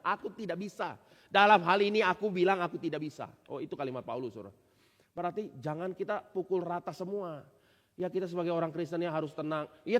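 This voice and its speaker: A middle-aged man, a pastor, preaching a lively sermon, acting out quoted voices and often turning to his listeners. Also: high voice. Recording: long hall reverb.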